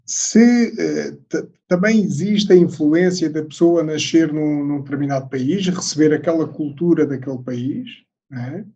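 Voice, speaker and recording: A man from South Africa raised by Portuguese parents, with a European Portuguese accent, asking an interview question haltingly. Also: a little high, mellow. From South Africa, then Portugal. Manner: halting, repeats words while asking.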